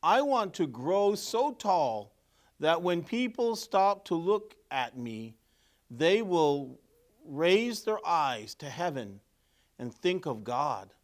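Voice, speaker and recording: A man's voice: fairly high pitch, big pitch swings, slow. A man voicing a devout young female tree in a storybook, earnest and resolute about standing tall. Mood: resolute, reverent.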